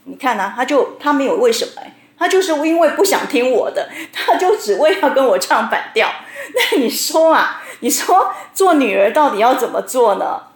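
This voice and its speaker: A woman's voice: high-pitched, sing-song, moderate pace. A middle-aged hypnotherapist telling stories in chatty Taiwanese Mandarin, sprinkling her speech with 哦 and 吼. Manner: chatty, with frequent 哦 and 吼 particles. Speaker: hypnotherapist host. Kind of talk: casual storytelling talk. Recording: roomy echo.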